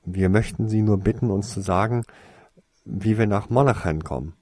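A man voicing a calm, easygoing young wizard boy with a dry manner. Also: fairly low pitch, moderate pace, no echo, natural voice. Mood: polite. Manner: relaxed, dry.

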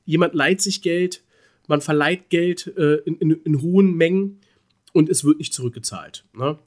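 A man's voice: a little high, moderate pace, darkish tone. A man telling stories in casual conversation, hesitant, repeating words and laughing easily. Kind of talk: casual chat.

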